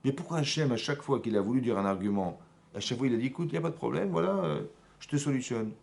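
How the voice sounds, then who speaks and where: A man's voice: medium pitch, racing, vocal fry. A man, a rabbi, giving a Torah lesson in a synagogue, repeating himself and often asking whether his listeners understand. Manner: animated, repetitive teaching with checks for understanding.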